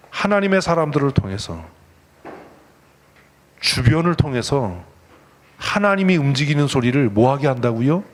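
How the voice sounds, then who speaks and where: A man preaching a lively, conversational sermon as pastor, teasing his congregation and acting out the voices in the story. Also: mid-range voice. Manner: playful, teasing, acts out God's voice and the congregation. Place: church sanctuary.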